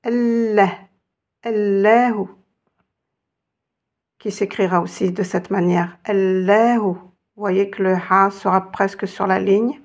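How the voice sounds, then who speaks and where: A woman's voice: medium pitch, level tone, normal speed, few pauses, husky. A woman teaching Arabic reading, patiently encouraging her students and drawing out each sound. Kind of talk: reading lesson.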